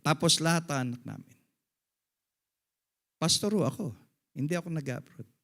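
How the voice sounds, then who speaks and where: A man's voice: lively intonation, moderate pace. A middle-aged man preaching as a pastor, mixing English phrases into his sermon and calling for "Amen" from the congregation. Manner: swings between quiet, low asides and loud, high-pitched emphasis. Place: church service.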